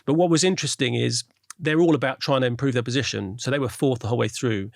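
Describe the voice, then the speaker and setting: A man's voice: mid-range voice, quick pace, gravelly, dry recording, studio quality. A man hosting a casual podcast chat, telling a story in a chatty way with frequent restarts. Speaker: podcast host.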